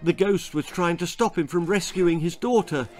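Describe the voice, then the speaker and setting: Over music, a man with a high-sitting voice reads at normal speed from a spooky, darkly funny children's story he wrote himself. His delivery is dramatic and full of suspense, in the style of scripted horror-comedy storytelling for kids.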